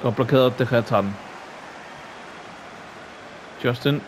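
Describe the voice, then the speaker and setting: A man giving excitable, exclamation-filled commentary while he plays a football video game. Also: mid-range voice, slight background noise. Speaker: gaming YouTuber.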